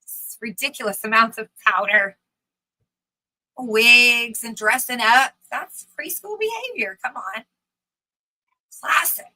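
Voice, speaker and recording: A woman talking in a casual conversation, explaining ideas in an animated, emphatic way, with quick asides. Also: a little high, low-quality recording.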